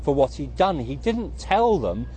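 Calm man, mellow news commentary. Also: a little high, unhurried, slight background noise. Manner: calm, analytical. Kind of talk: news interview clip.

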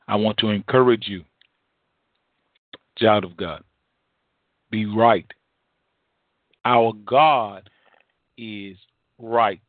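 A man preaching a Bible teaching sermon as an apostle, exhorting listeners directly in deliberate, halting phrases with emphatic repetition. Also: lowish voice, dry recording. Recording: thin phone-like band-limited audio.

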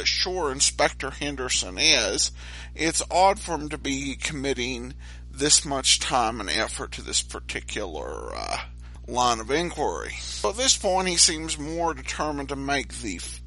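Bright, husky American man hosting. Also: medium pitch, poor audio. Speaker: podcast host. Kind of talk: podcast commentary and sign-off.

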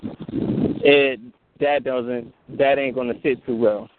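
A man hosting a call-in fellowship discussion, talking in a halting way with many fillers and restarts. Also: medium pitch, fairly even intonation. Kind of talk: casual phone discussion. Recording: tinny phone line.

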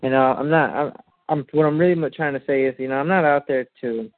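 A man's voice: mid-range voice, quick pace, slight background noise. A man on a muffled phone line, speaking hesitantly and stammering as he searches for words. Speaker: caller. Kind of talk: casual phone chat. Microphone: phone held away from mouth. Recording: muffled tinny phone line, far from mic.

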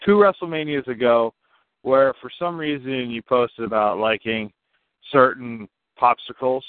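A man's voice: medium pitch, measured pace, no room sound. Teasing male co-host, phone-like sound. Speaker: radio show co-host. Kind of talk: casual teasing banter.

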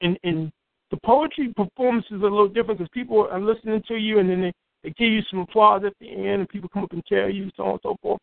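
Over a dry, tinny line that sounds like a phone call, an outspoken Chicagoan with a booming, somewhat high male voice recounts his story in an interview. Vocal fry creeps in, and words pile up in repeats when he's fired up. No echo.

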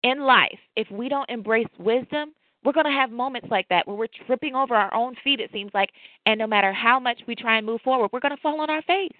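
A woman's voice: on the high side, fairly quick, no room sound. Woman telling a story over a tinny line. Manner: storytelling, animated, preachy asides. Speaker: podcast co-host. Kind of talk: casual faith talk. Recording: tinny phone-like line, dry.

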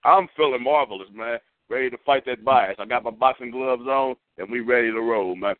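A man's voice: mid-range voice, brisk, no room sound, narrow, tinny audio. A man hosting a sports podcast with a showy, playful announcer delivery, as in a hyped radio-show opener. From US West Coast.

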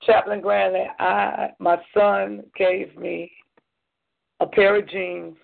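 Woman telling her story over a tinny phone line, high and gravelly, keeps repeating herself. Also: little pitch movement, takes it slowly. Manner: earnest, repeats phrases, frequent ums. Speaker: guest sharing her testimony. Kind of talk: personal testimony on a call-in show.

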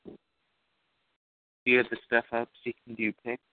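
A man co-hosting a casual sports podcast, calling in on a phone held away from his mouth and mumbling halting questions. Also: medium pitch, completely flat delivery, no echo, narrow, tinny audio. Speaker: podcast co-host.

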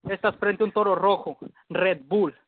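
A man's voice: sits high, fairly even intonation, normal speed, background noise. A man freestyling boastful battle-rap insults over the phone, dropping in English phrases. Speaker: battle rapper. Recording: tinny dry phone line.

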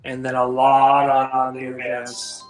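A man's voice: mid-range voice, completely flat delivery, measured pace. A man chatting casually as a podcast guest, terse and hesitant, in an echoey room. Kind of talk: casual chat. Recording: echoey room, faint music.

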